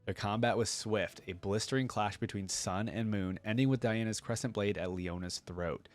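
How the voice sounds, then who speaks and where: A man with a fairly low voice hosts a fan reaction channel, speaking at a moderate pace with no echo. He keeps things informal, reading text aloud and slipping in short casual asides.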